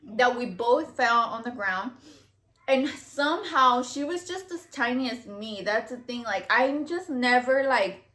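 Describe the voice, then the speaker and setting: A woman with a fairly high, slightly bright voice tells her viewers a long story in casual chat. She rambles with lots of fillers and curses freely, recorded in an echoey room.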